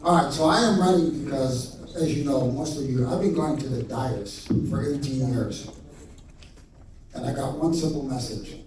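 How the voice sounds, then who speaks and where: A man's voice: medium pitch, moderate pace, crowd noise. Echoey older man talking out of mouth corner. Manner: talks out of the side of his mouth. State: recovering from recent surgery. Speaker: political candidate. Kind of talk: campaign debate remarks. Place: indoor public debate venue. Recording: distant, very echoey room, faint noise.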